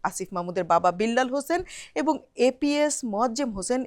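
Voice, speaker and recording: A woman presenting the news, reading a script in a steady, formal newsreader manner. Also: fairly high pitch, fast talker.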